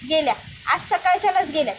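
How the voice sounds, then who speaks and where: A woman's voice: high voice, expressive, fast talker, slight background noise, low-quality recording. Woman doing a bossy foreman guy, brusque, short answers. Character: bossy foreman mason, man.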